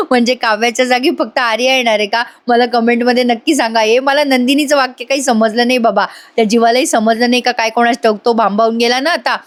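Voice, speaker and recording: Woman, chatty serial recap, casual voice-over, slightly high voice, talks to viewers. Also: fairly quick, few pauses. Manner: chatty, laughs, addresses viewers directly. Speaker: TV serial reviewer. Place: voice-over recording.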